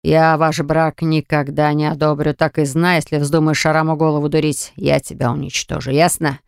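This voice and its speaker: A narrator voicing a domineering, scheming older father who talks in a slow, insinuating and threatening way. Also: medium pitch, level tone, gravelly, smooth, no echo, clean studio sound, natural voice. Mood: menacing. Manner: insinuating, then threatening and contemptuous. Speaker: storybook character.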